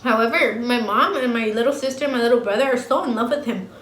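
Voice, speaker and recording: A woman's voice: fairly high pitch, quick pace, a bit bright, a little hiss or hum. A young woman vlogger chatting casually while eating, blunt and slangy, laughing easily. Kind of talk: casual mukbang chat. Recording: roomy home sound with faint ambience.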